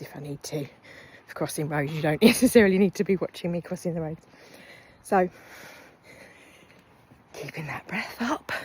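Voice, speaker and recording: A woman's voice: on the low side, dark tone, slight background noise. A middle-aged woman from the UK chatting as she walks uphill outdoors, slightly out of breath, thinking aloud and sometimes dropping to a half-whisper. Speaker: vlogger. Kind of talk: walking vlog chat. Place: outdoors, walking through town.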